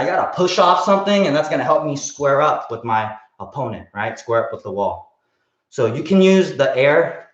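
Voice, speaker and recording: A man coaching a kids' jiu-jitsu class, explaining casually and calling out drills in short, sharp martial arts commands. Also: medium pitch. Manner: casual, explanatory, frequent "right?" check-ins. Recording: muffled, roomy lo-fi class livestream.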